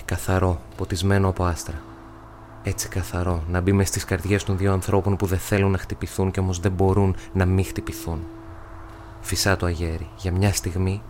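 Deep, flat male audiobook narrator. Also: slight background noise. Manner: measured, dramatic pauses. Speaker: actor narrating a novel.

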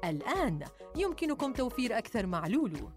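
A woman's voice: fairly high pitch, big pitch swings, a little fast. A woman reading a hard-sell retail advertisement with an urgent, emphatic sales delivery. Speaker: advertisement voice-over. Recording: music bed behind the voice.

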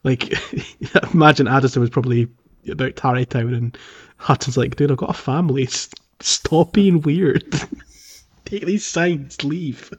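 A podcast host with a medium-pitched, breathy-edged voice speaks at a measured pace. He leads a casual, jokey video game discussion, sometimes acting out lines in character.

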